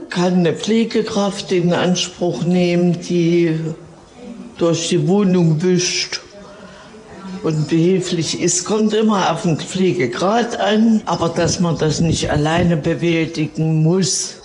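A woman in her seventies, a resident of assisted living, answering interview questions in a relaxed, chatty way. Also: fairly low pitch, slow, low-quality recording. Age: 70s. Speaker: care home resident.

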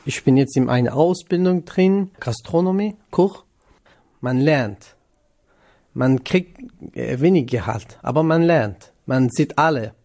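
A man's voice: medium pitch, expressive, unhurried, darkish tone. Young man, hesitant German. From northern Iraq. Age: 20s. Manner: hesitant non-native German with many fillers. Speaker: interviewee, trainee cook. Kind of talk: radio interview.

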